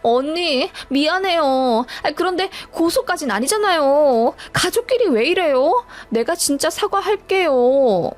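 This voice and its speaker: A woman's voice: high voice, animated, a little slow, hardly any pauses, faint music behind. A woman playing a whiny, defiant young sister-in-law who whines and pleads. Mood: pleading. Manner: whining, pleading.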